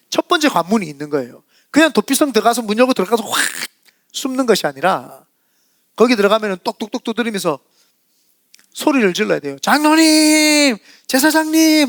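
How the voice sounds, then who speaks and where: A man pastor preaching a sermon in a lively storytelling manner, often acting out quoted prayers and dialogue. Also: high-pitched, no echo, studio quality. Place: church sanctuary.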